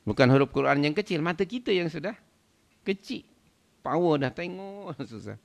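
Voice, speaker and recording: A man, a religious teacher, giving a lecture to a congregation, asking rhetorical questions and swelling to loud emphatic points, with English words mixed in. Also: fairly high pitch, animated, moderate pace, vocal fry.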